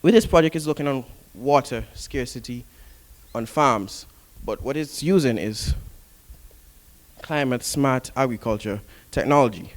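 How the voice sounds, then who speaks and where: A man's voice: mid-range voice, unhurried. A man giving a conference presentation, explaining his points step by step and reading from prepared material. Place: conference hall.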